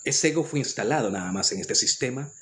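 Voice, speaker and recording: An earnest man with a Peruvian accent delivers a lecturing spiritual monologue straight to his audience. His voice sits at an ordinary middle pitch, and he often breaks off and restarts his phrases as he goes. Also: lively intonation, fairly quick, a bit bright. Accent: Peruvian Spanish. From Peru. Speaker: spiritual commentator.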